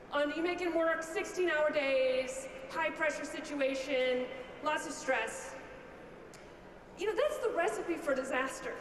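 A woman's voice: high voice, slight background noise. A woman giving a short, punchy speech at a physics event, listing with rhythm. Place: large hall. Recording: echoey hall.

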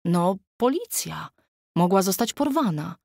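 A woman's voice: fairly low pitch, big pitch swings, a little slow, creaky, dark tone, dry recording, studio quality, exaggerated voice. A woman narrating an audiobook, voicing a worried, defensive young husband in clipped, urgent lines. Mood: tense. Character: young adult man, anxious, defensive husband.

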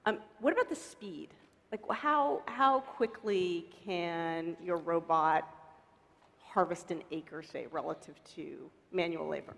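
A woman's voice: lowish voice, takes it slowly, gravelly, a bit bright. A woman judge on a panel asking a founder a question, hesitant and full of fillers. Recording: reverberant conference hall.

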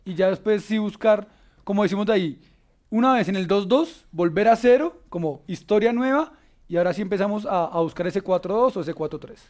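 Man, Colombian accent, fairly high voice, basketball panel host, lots of "eh" fillers. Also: a little fast, darkish tone. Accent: Colombian Spanish. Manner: enthusiastic, many filler "eh"s. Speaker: sports show host. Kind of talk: casual basketball panel talk.

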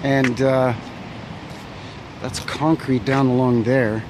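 Slow and level, his mid-range voice narrates casually as he walks a windy winter street with a handheld phone. The vlogger ponders an old building through many fillers and doubtful asides, and wind plus street noise can be heard behind him.

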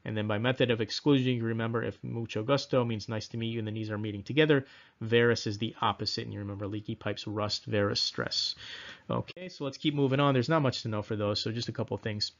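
A man's voice: medium pitch, fairly even intonation, fast talker, lo-fi sound. Casual man lecturing exam-prep mnemonics. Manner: casual, self-deprecating, repeats mnemonics with filler ums. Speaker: exam review instructor.

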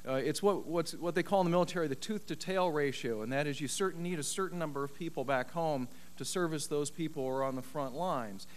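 A middle-aged man testifying as an expert witness, measured and argumentative, on a desk mic in a large paneled hearing room. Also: a little high. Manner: measured, argumentative, many uh fillers. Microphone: desk microphone.

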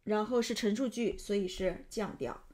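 A woman hosts a pronunciation lesson and walks through each rule methodically. Her voice sits at a middle pitch. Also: moderate pace, darkish tone. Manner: methodical, step-by-step explanation. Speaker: host and pronunciation tutor.

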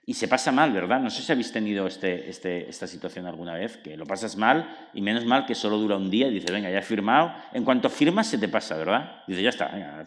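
A man giving a public book talk as author and psychologist, explaining lively and acting out inner dialogues with many tag questions. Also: fairly low pitch. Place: cultural centre hall. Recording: long hall reverb.

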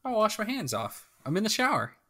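Brisk and fairly bright, a man's high-pitched voice swoops wildly in pitch as he co-hosts a casual podcast. His talk is rambling and self-interrupting, with sentences frequently restarted.

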